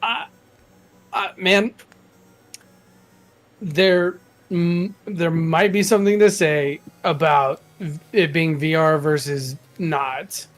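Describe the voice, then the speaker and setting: A man's voice: on the high side, fairly even intonation, slow, long pauses, a bit bright. A man co-hosting a casual chat, reacting with frequent laughs and stammering restarts. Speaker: podcast co-host.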